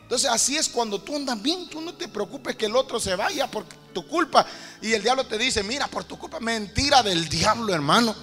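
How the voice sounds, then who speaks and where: A man preaching with emphasis in a very high, bright voice, turning to his listeners as brother again and again. His sermon rings through a reverberant church hall. Faint music plays behind him. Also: expressive, moderate pace.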